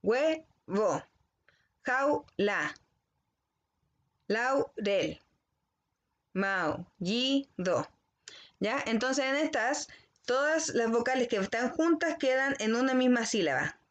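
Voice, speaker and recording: A woman teacher, speaking in a fairly high voice. She gives a recorded lesson to children at an unhurried pace, spelling each point out carefully and checking in often to make sure they follow. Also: lively intonation, dull audio. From Chile.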